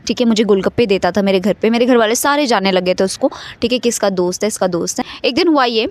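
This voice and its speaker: A young woman vlogger tells a personal story into her phone, talking fast in a mid-range voice. She is casual and chatty, mixes English words into her speech, and keeps checking in with "okay".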